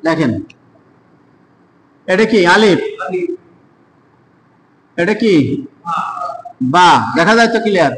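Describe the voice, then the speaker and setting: A man with a high-pitched voice leads a Quran reading class. He asks the students questions and drills letter sounds in slow chants. Faint background noise sits under the recording. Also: a bit bright, long reverb tail, rough recording. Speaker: Quran teacher.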